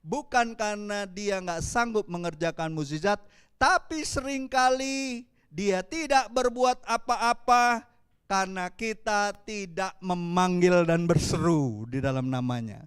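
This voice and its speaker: A man with a Palembang accent preaching a sermon as pastor, animated and calling out to the congregation. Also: high voice, unhurried, smooth.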